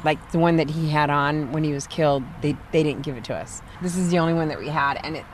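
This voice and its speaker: A woman's voice: low-pitched, fairly even intonation, quick pace, slight background noise. A woman, a gold star mother, retelling events emotionally in a conversational interview.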